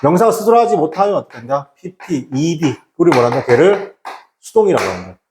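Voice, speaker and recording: In a recorded English grammar lecture, a man with a somewhat high, sing-song voice talks briskly in an echoey room with noisy background. He fires off rhetorical questions and answers them himself, switches between casual and polite speech, and acts out shouted warnings to make his points.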